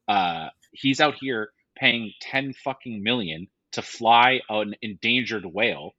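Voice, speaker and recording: A man co-hosting a sports podcast, talking in a profane, jokey, animated way. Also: fairly low pitch, slow pace, dry recording, lo-fi sound. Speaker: podcast co-host. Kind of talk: casual sports chat.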